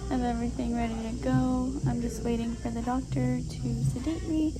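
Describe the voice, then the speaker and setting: Chatty young woman vlogging, high-pitched voice. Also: steady tone, normal speed, poor audio. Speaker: stay-at-home mom vlogger. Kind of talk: casual vlog chat and narration.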